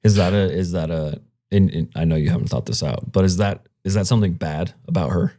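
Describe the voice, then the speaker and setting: A man co-hosts a podcast in easygoing conversation. His voice is deep and dark, and he mostly answers with short, thoughtful replies. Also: a little fast. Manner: brief affirming replies, thoughtful. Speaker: podcast co-host. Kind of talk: casual chat.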